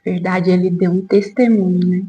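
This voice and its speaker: A woman hosting a podcast, sharing her own experience in conversation and adding soft, supportive remarks. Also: fairly low pitch, level tone, moderate pace, lo-fi sound. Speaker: podcast host. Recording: distant voice in an echoey hall.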